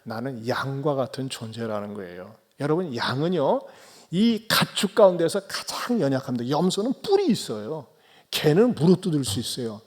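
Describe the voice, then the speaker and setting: A man's voice: mid-range voice, big pitch swings, moderate pace. A male pastor preaching a sermon, putting rhetorical questions to his congregation.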